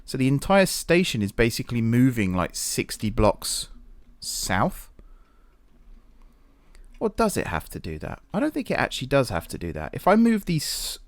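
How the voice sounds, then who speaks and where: A man's voice: medium pitch, huge pitch swings, normal speed. A man giving casual gameplay commentary, thinking aloud in a self-deprecating way, recorded in an echoey, sparsely furnished office. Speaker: gaming video host. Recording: echoey room with little furniture.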